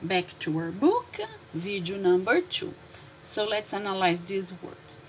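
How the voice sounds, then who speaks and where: A woman teacher with a Brazilian Portuguese accent, a native Portuguese speaker, explaining English words slowly and repeating them for her learners. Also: medium pitch, very animated, slight background noise, low-quality recording. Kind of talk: classroom lesson explaining vocabulary.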